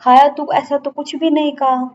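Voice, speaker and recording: A woman's voice: high-pitched, flat delivery, moderate pace, voice pushed up, natural voice. A woman reading as a worried father. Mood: anxious. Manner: anxious, explaining on the phone. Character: worried father of a sick boy. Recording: dull lo-fi recording, faint background hum.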